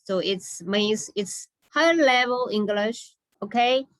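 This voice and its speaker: A woman English teacher giving a classroom lesson, speaking deliberately, repeating words and often checking in with a short okay or all right. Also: medium pitch, a bit bright, no room sound. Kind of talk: slow classroom lesson with read-and-repeat drilling.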